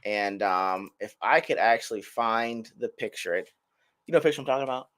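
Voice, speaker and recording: A man's voice: on the low side, a little fast, fairly bright tone. A man in his thirties, a podcast co-host, telling rambling, self-mocking stories in casual chat.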